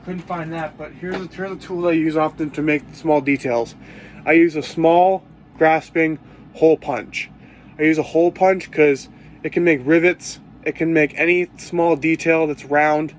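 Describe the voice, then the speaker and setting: A man with a sore throat talks quietly through a casual vlog, his voice sitting a bit high for a man. He rambles, restarts and hunts for words as he goes. A faint hum of background noise sits under him. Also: fairly even intonation, normal speed. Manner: rambling, searches for words with many fillers. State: sore throat, talking low. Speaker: cosplay vlogger.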